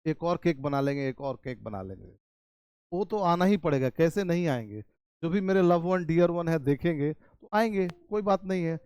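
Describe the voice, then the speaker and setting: A man from India, an English teacher giving a chatty spoken-English lesson in Hindi, teasing his students and drawing out model sentences slowly, with a Hindi-accented English. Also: on the high side, darkish tone, smooth, dry recording.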